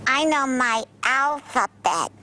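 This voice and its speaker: A woman's voice: high voice, lively intonation, slow pace, pushed and bright, a little hiss or hum, full character voice. A woman voicing a sweet, childlike little female lamb puppet on a children's TV show, singsong and giggly. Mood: playful.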